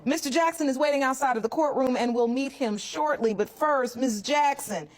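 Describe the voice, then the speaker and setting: A woman serving as judge on a courtroom show, firm and questioning. She presses the litigants with pointed questions. Her voice is high. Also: moderate pace.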